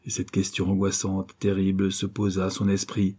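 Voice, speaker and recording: A man's voice: sits low, completely flat delivery, moderate pace, dark tone, breathy edge. A man narrating a novel in a dramatic, suspenseful reading style. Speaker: audiobook narrator.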